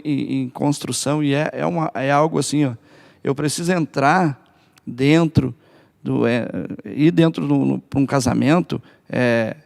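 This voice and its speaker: Hesitant gravelly Brazilian man. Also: on the high side, a little mellow. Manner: hesitant, many fillers and restarts. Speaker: family ministry guest. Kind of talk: casual church podcast talk.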